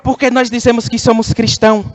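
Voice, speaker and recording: A Brazilian man preaching a sermon as pastor, building to shouted, impassioned passages. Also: very high-pitched, little pitch movement, fairly quick, in a large hall. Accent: Brazilian Portuguese.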